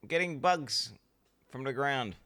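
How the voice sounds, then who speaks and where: A man reacts as a streamer in a casual, blunt way. His voice is forward and crisp, and he argues with plenty of swearing. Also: medium pitch, lively intonation, slow, sharp tone. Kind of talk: casual livestream reaction commentary.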